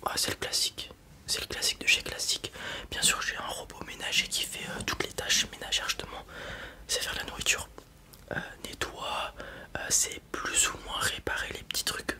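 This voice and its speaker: In this ASMR roleplay, someone plays a wandering space robot salesperson, whispering softly in an unhurried, hesitant way.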